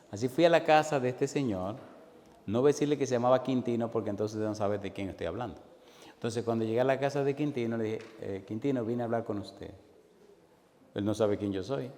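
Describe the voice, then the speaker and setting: Male pastor, lively storyteller who acts out dialogue, low dark voice, hall reverb. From Caribbean Spanish-speaking country. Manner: animated storyteller acting out dialogue. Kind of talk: sermon with storytelling. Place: church hall. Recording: long hall reverb, faint noise.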